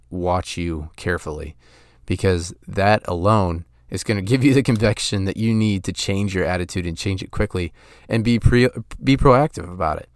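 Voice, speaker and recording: Earnest low-voiced man hosting a podcast. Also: no room sound, clean studio sound. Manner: earnest, frequent restarts and "you know" fillers. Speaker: podcast host. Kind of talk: motivational podcast talk.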